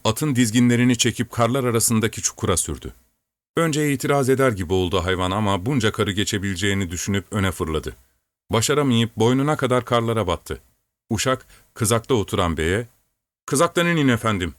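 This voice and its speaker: A man calmly reading a story aloud in measured, steady audiobook narration. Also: lowish voice, no room sound.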